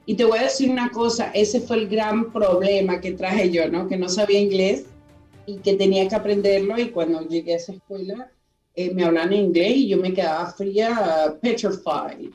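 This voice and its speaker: A woman hosting a radio talk show, chatting casually with a guest, effusive and quick to laugh, with many fillers. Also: medium pitch, dark tone, roomy sound, distant mic, lo-fi sound, faint music behind.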